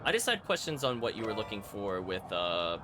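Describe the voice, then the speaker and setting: Over video game music, a man streams his gameplay live, narrating his thoughts and talking to viewers. His fairly low voice has a sing-song lilt, moves a little fast, and there's some background noise.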